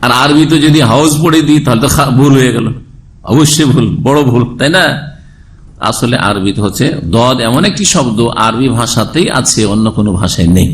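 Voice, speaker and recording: A man's voice: mid-range voice, fairly quick, slight background noise. A man preaching a sermon lecture, explaining step by step and asking his listeners rhetorical questions. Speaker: Islamic preacher.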